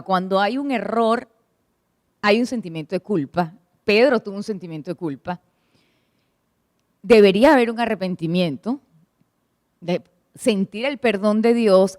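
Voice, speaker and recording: A woman's voice: mid-range voice, a little mellow, dry recording, clean studio sound. A woman preaching to a church congregation, asking them questions and retelling stories expressively. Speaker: church speaker at a prayer meeting.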